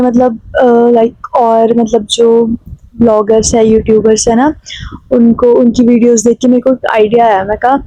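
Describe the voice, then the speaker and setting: A woman's voice: on the high side, warm tone, dry recording, poor audio. Chatty young woman vlogger from Himachal. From Himachal Pradesh, India. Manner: chatty, many filler words and restarts. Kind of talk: casual storytelling to camera.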